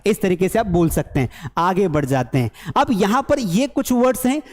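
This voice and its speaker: A man teaching an online spoken English class, lively and teasing, who acts out his learners' mistakes. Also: high voice, normal speed, in a large hall.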